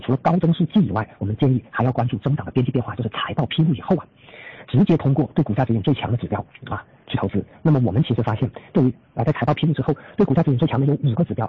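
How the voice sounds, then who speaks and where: 语速极快、嗓音沙哑的男分析师. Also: male voice, medium pitch, slightly rough. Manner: formal, with frequent trailing "a" particles. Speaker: chief strategist hosting an investor call. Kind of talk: prepared market analysis presentation. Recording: tinny phone-line conference audio.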